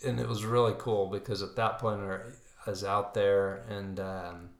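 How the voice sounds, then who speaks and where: Low-voiced man telling a running story. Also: measured pace. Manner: animated, bursts into yelling when reenacting. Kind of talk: casual storytelling chat. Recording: roomy echo.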